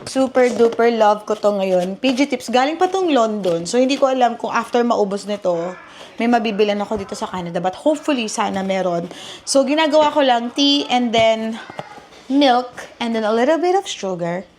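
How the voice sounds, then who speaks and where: Speaking at a normal pace with a fairly high, animated voice and a darkish tone, a woman in her thirties from the Philippines vlogs from her kitchen at home. She mixes Tagalog with English in easygoing chatter, recorded on a small handheld camera over background music and slight background noise.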